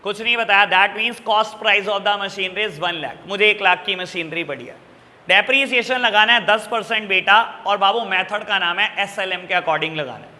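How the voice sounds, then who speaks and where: Guy teaching accounts to a class, fond and chatty, keeps asking clear?, echoey hall sound. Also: high-pitched, normal speed, pushed and bright. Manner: affectionate, repeatedly calls students "beta"; asks "clear?" to check understanding. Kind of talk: classroom lecture. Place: classroom with students present.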